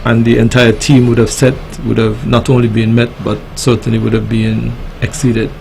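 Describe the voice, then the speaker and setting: A man's voice: mid-range voice, level tone, creaky, darkish tone, rough recording. A man with a Caribbean accent hosting a radio talk show in a courteous, formal way. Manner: courteous, formal, deliberate phrasing. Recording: faint background noise.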